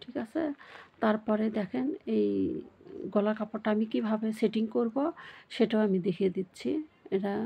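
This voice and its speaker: A woman's voice: mid-range voice, vocal fry, husky, dull audio. A woman giving a casual sewing tutorial, hesitant, with many fillers and checks that the viewer follows.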